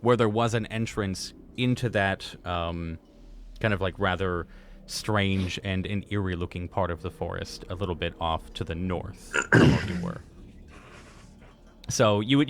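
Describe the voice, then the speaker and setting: A man runs a tabletop game, improvising scenes and giving rulings. His voice is on the low side. Faint noise and room ambience sit behind him. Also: fairly even intonation, moderate pace. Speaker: game master.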